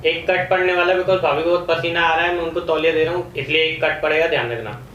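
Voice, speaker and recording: A man's voice: a little high, steady tone, quick pace, fairly bright tone, muffled recording, a little hiss or hum. A man speaking from off camera, making teasing, joking asides. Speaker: her husband, off camera. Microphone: off camera, away from the mic. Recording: roomy, distant from the mic.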